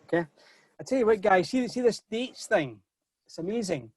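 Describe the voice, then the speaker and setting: A man's voice: high-pitched, animated, moderate pace, husky, no room sound, clean studio sound. A middle-aged man hosting a whisky tasting over a video call, chatty and often repeating words as he starts a sentence. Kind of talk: casual online tasting talk.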